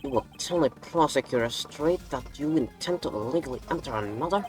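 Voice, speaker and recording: A woman voicing a formal, weary adult male prosecutor in a video game, speaking in a dry, measured way. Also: sits low, expressive, a little mellow, soft background music, pitched above the performer's own voice. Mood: stern.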